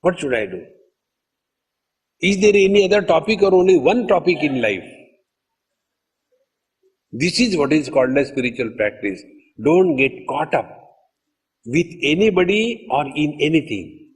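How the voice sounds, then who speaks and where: A man's voice: fairly high pitch, moderate pace, long pauses, breathy edge. A man, a spiritual teacher giving a discourse, telling anecdotes and acting out the people in them. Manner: animated storytelling, acts out quotes. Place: lecture hall. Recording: echoey hall recording.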